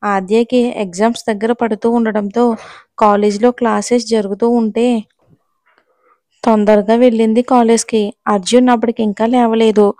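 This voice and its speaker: A woman reading a romance novel aloud as a storyteller, in a steady, even narration. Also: a little high, dry recording.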